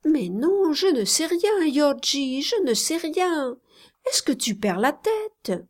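A woman voicing a frightened young village girl who pleads softly and tremulously. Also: high-pitched, big pitch swings, takes it slowly, voice pushed up, heavily acted. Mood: frightened, pleading.

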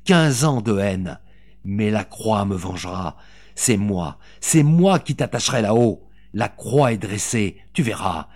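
A man voicing a raspy, hate-filled vengeful woman. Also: mid-range voice, expressive, unhurried, a little mellow. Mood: hateful. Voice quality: raspy, jerky delivery.

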